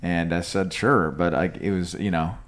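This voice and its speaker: A man chatting casually as a podcast co-host, haltingly, repeating words as he thinks. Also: sits low, steady tone. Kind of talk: casual chat.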